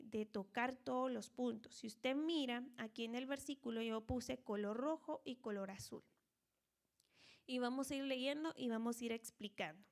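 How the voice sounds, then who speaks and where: A woman with a somewhat high voice teaching scripture in an online discipleship class. She talks in a relaxed, conversational way and keeps checking in with her listeners. She slips into the voices of the people in the story to bring it to life. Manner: conversational, frequent tag questions; dramatizes scripture characters. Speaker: Bible teacher. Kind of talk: online Bible study teaching.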